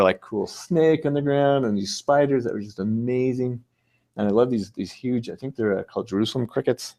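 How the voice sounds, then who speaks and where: A man's voice: lowish voice, no echo. A man giving a casual, rambling talk with slides, easygoing and chuckling often. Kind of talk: casual storytelling presentation with slides.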